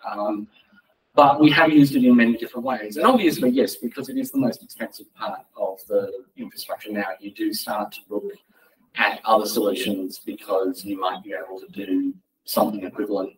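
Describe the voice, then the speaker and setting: This man's voice sits on the low side and moves a little fast as he answers questions informally at a tech meetup, often starting hesitantly and correcting himself. He's a conference speaker at a lectern in an indoor meeting room, recorded by a distant mic.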